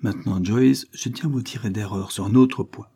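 A man reading aloud voices a calm, firm gentleman lawyer, steady and earnest. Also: on the low side, moderate pace, slightly rough.

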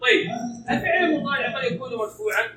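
A male grammar teacher giving a classroom lesson, firing quick questions at his students. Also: very high voice, animated, sharp tone. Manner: quizzing students with rapid questions. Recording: echoey room, distant mic, background noise.

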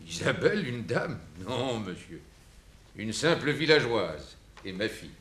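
A man's voice: fairly low pitch, very animated, measured pace, a bit bright. An actor playing a proud, firm peasant father in a 1950s stage drama. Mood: indignant. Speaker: farmer Pedro Crespo. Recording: roomy old stage recording.

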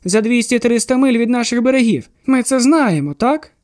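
A man's voice: extremely high pitch, animated, normal speed, darkish tone, voice pushed up. A man voicing a grinning, rambling male asylum patient in an audiobook, eager and insistent. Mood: manic. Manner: eager, insistent, childlike sing-song. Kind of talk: audiobook character voice.

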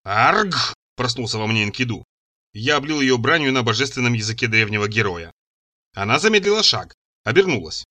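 A man's voice: mid-range voice, expressive, fairly quick, sharp tone. A man narrating an audiobook in the first person, telling the story expressively. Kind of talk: audiobook reading.

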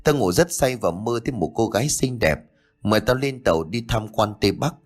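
A rough-tongued old village farmer with a hot temper speaks bluntly, played by a male storyteller. His voice is low and swings widely in pitch, fitting a spoken horror audiobook. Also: expressive, fairly quick. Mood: bewildered. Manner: blunt and gruff.

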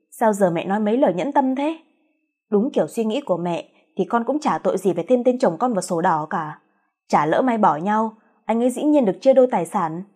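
A woman voicing a cool, sharp-tongued young wife in a storybook reading, speaking with cutting sarcasm. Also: medium pitch, husky.

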